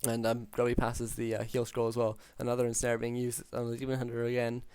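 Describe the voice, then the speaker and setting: A game caster with a hoarse yet smooth voice calls a strategy match solo, his pitch barely moving. His steady, analytical play-by-play drifts along with frequent ums and quick reads. The recording is dry and close, with no room sound around him.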